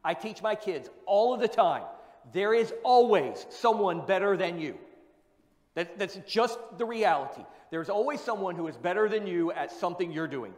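High-voiced male preacher in an echoing hall. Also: animated, moderate pace, darkish tone. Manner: asks rhetorical questions and repeats key points for emphasis. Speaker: pastor. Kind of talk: sermon. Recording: long reverb of a large hall.

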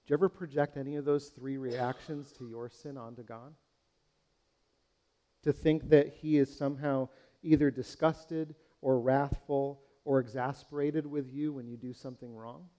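A man's voice: medium pitch, fairly even intonation, moderate pace, dark tone. A man preaching a sermon, earnest and searching, asking his congregation questions and addressing them as friends. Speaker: pastor.

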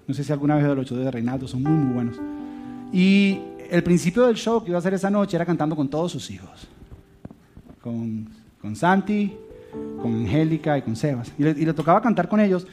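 Animated man storytelling over soft guitar. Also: a little high, a little fast. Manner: animated, swings between loud emphasis and soft hushed lines. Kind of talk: heartfelt storytelling to an audience. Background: soft guitar music.

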